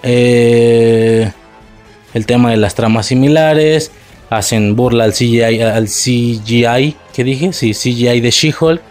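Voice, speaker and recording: A man's voice: mid-range voice, slow, darkish tone. A man with a Mexican accent ranting sarcastically and profanely in a casual video review, with faint music behind.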